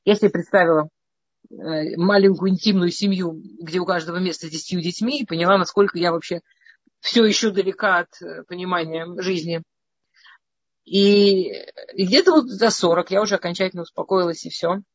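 A woman's voice: fairly low pitch, a little fast, slightly rough, no room sound, dull audio. A middle-aged woman from Russia casually telling her life story in a meandering way, often restarting and stammering over words.

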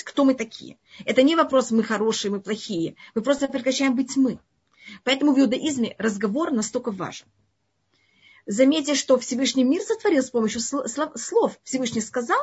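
A woman's voice: a little high, husky. A woman speaking as a non-native with a foreign accent, teaching a live online religious lesson, emphatically repeating and rephrasing her points. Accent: foreign, non-native Russian. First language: not Russian. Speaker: religious teacher answering audience questions. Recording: dull, lo-fi online stream audio.

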